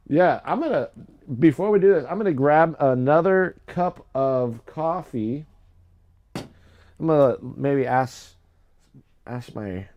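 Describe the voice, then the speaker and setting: Dull audio captures a young man hosting a live stream, his voice low today as he talks casually. He rambles along, restarting sentences and using lots of fillers.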